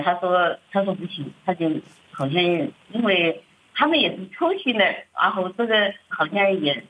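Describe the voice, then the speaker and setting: A middle-aged woman from the church gives a halting, plaintive account of her family troubles, often repeating words and starting over. Her voice is mid-range and fairly bright with a breathy edge, captured on a muffled, lo-fi recording.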